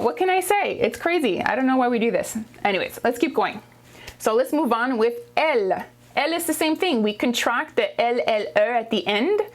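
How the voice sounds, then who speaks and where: A woman with a slightly high voice and a Quebec French accent, a native French speaker. She hosts an informal language lesson, explaining things conversationally and pausing to check in with short tag questions. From Quebec, Canada. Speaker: language teacher and video host.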